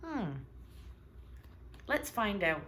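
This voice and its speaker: Reading a storybook to children, this woman keeps things lively and quizzes her young audience as she goes. Her mid-range voice moves extremely slowly, and there's a little hiss or hum in the background.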